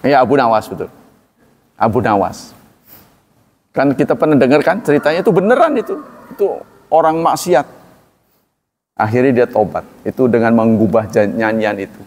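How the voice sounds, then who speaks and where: A middle-aged Indonesian man giving a casual, digressive sermon on Quranic commentary, chuckling now and then and slowly chanting Arabic verses. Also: mid-range voice, big pitch swings, darkish tone. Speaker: Islamic preacher. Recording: long hall reverb.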